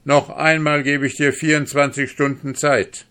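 A man voicing a furious, arrogant duke who shouts threats in an audiobook reading. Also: a little high, level tone, moderate pace, smooth, voice pushed up. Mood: vowing wrath. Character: furious arrogant duke, male adult ruler.

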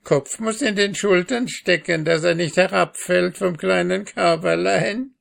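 A man doing a hoarse cackling old witch. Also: sits high, a little slow, fairly bright tone, voice pushed up, exaggerated voice. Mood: mocking. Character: spiteful hook-nosed old crone, a witch.

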